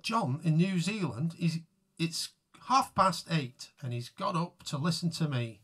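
A man's voice: fairly high pitch, animated, a little slow, a bit bright, husky. A man chatting casually to live viewers between songs, rambling and self-mocking as he greets people by name. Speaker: musician hosting a live tribute stream.

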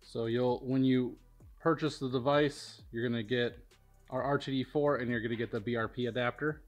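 A middle-aged man demonstrates products at a powersports tuning shop, giving a casual, matter-of-fact walkthrough inside a large vehicle workshop. His medium-pitched voice is steady at normal speed, with soft background music.

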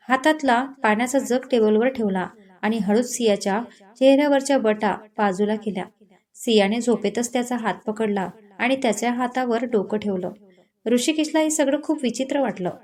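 A woman storyteller reading a romance story aloud in a gentle, expressive way. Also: fairly high pitch. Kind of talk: scripted story narration.

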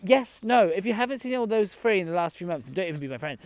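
This is a high, sing-song male voice with a darkish tone, talking fast with no room sound. The speaker, a man in his twenties, delivers a campy comedy vlog at an outdoor zoo, phone held close. He's sassy and theatrical, turning from the camera to address the animals in their enclosures.

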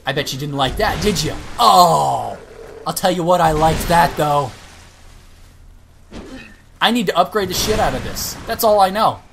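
A woman's voice: fairly low pitch, animated, moderate pace, pauses often, background noise. A woman giving gameplay commentary, ranting and swearing at herself and the game as she plays. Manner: profane, ranting, talks to herself. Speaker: let's play gamer.

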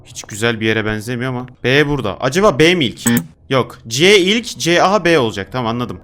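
A young man giving let's play commentary, thinking aloud as he plays and reading game notes aloud, turning loud and frantic when chased. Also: mid-range voice, big pitch swings, brisk, slight background noise. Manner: talks to himself while playing, reads game notes aloud. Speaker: gaming YouTuber.

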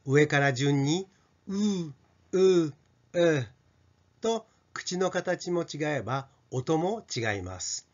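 A man's voice: a little high, expressive, slow pace, few pauses. An older Japanese man teaching an English pronunciation lesson, carefully modelling sounds for students to repeat. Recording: slightly dull lo-fi sound.

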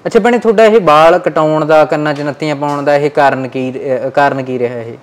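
A woman with a low, deep voice interviews her guests. She asks short, plain questions and murmurs her agreement. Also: fairly quick. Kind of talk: casual interview.

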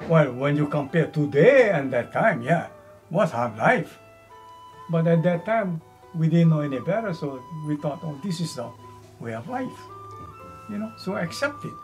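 A man's voice: a little high, sing-song, normal speed, faint music behind. An older man, a museum docent casually reminiscing outdoors on a farm, with folksy asides. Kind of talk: casual storytelling.

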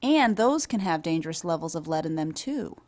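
A woman reading an English voice-over for a signed conversation, explaining things in a steady storytelling way. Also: low-pitched, fairly quick. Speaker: voice-over for a signing speaker. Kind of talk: scripted dialogue voice-over.

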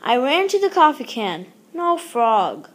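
At a measured pace, a woman with a high voice reads aloud from a children's picture book. She is an expressive, animated storybook reader who dramatizes the exclamations and dialogue.

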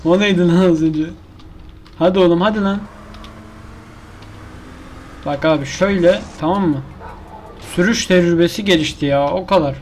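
A man's voice: sits high, moderate pace, pauses often, a little hiss or hum. A man giving casual commentary over his own gameplay, exasperated and complaining to himself as he keeps failing. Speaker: gaming YouTuber.

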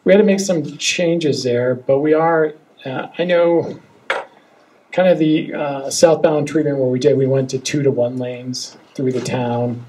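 A man's voice: mid-range voice, steady tone, a little slow, warm tone. A man in his forties, a transportation engineer at a town hall podium with a handheld mic, explaining plans in a conversational way with plenty of fillers. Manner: conversational, hedging with fillers, reassuring. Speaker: transportation engineer answering questions. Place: meeting room, indoors.

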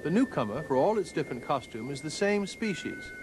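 A man narrating a scripted nature documentary in a measured, formal storytelling manner. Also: on the high side, sing-song, noisy background. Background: background music.

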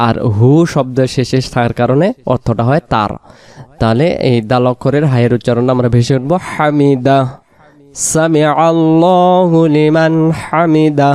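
A man gives a patient pronunciation lesson, breaking words into letters and chanting the example phrases in long, drawn-out syllables. His voice is smooth and resonant. The recording is close and dry, with no room sound. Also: mid-range voice, darkish tone, dry recording. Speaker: religious teacher.

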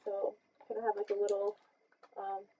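A young woman speaking through a face mask in a casual vlog update, hesitant, with lots of fillers and soft laughs. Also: medium pitch, monotone, moderate pace. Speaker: content creator. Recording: tinny phone-like sound.

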